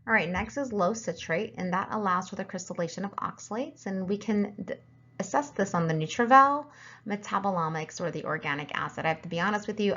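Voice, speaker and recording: A woman's voice: mid-range voice, bright, forceful tone, dull audio. A woman practitioner giving an educational talk on health, explaining step by step with frequent ums and self-corrections. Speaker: functional medicine practitioner.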